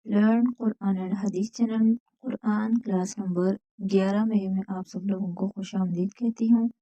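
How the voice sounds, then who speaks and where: Slow, soft-toned woman teaching recitation. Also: medium pitch, fairly even intonation, no room sound, lo-fi sound. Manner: slow, explains each letter; slow drawn-out chanting recitation. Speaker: Quran teacher. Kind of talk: slow, careful recitation lesson.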